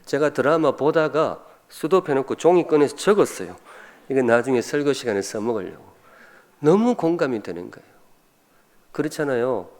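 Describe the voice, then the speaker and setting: A man's voice: mid-range voice, expressive, moderate pace, a little mellow. A Gyeongsang-accented pastor in his fifties delivers a sermon to his congregation. He talks like a friendly storyteller, cracking jokes and putting questions to the people in front of him. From Gyeongsan, South Korea. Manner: humorous, asks the congregation questions.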